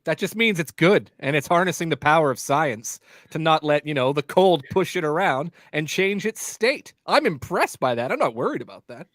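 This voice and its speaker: A man's voice: fairly high pitch, sing-song, moderate pace, hardly any pauses, fairly bright tone, no echo, clean studio sound. A man guesting on a sports podcast, bantering playfully and joking about snacks. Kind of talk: casual podcast chat.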